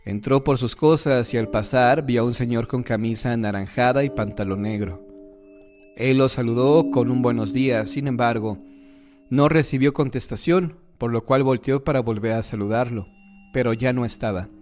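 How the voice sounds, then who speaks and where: A man tells ghost stories in a measured, scripted way. His voice sits in an ordinary middle pitch. Faint music plays quietly behind him. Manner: measured storytelling delivery. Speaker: horror story narrator. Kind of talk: scripted narration.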